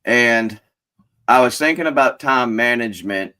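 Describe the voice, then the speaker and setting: Hosting a relaxed live chat for business owners, a stuffy-sounding man sniffles now and then as he leads a prayer and chats informally and loosely. His voice is mid-range, smooth, and sharp in tone, and he takes his time.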